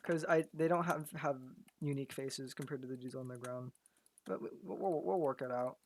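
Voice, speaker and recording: With a medium-pitched, darkish voice at a normal speed, a man offers casual commentary while making a digital art piece. The graphic artist thinks aloud and repeats words often, and his voice is going as he loses it.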